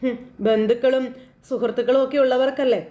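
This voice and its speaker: A woman's voice: high voice, steady tone, a little fast, warm tone, close to an everyday voice. Blunt teasing granny, put on by a woman narrator, slightly raised voice, roomy echo.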